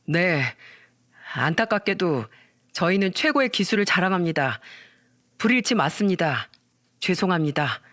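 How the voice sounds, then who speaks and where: A man's voice: high voice, a bit bright, no echo, clean studio sound. A man reading a listener's story aloud as scripted, emotional narration.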